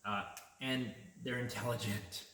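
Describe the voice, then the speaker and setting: A man vlogging, telling a story in a chatty, animated way. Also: mid-range voice, measured pace, reverberant. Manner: chatty, animated retelling with laughs. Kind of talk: casual storytelling.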